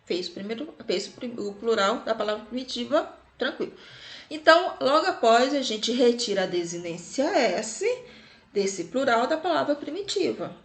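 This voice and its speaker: A woman's voice: on the high side, big pitch swings, normal speed. A Brazilian woman teaching grammar rules, explaining patiently and checking in with "ok?" after each point. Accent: Brazilian Portuguese.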